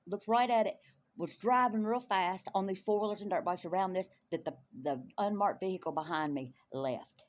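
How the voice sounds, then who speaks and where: A woman tells her faith testimony in an animated way, laughing often and repeating lines for emphasis. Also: medium pitch, normal speed. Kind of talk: testimony storytelling.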